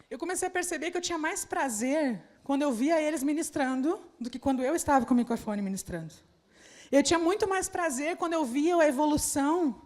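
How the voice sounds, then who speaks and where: High-voiced woman preaching. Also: a little mellow. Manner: addresses the audience directly with rhetorical questions. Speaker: speaker at a church leaders' conference. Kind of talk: sermon.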